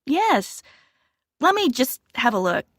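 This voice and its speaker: A woman's voice: high voice, sing-song, takes it slowly, a bit bright, no echo, studio quality, heavily acted. An actress in her twenties playing a young female student who answers questions for a club form in a scripted listening exercise. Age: 20s. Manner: friendly, answers clearly and spells things out. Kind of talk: scripted exam listening recording.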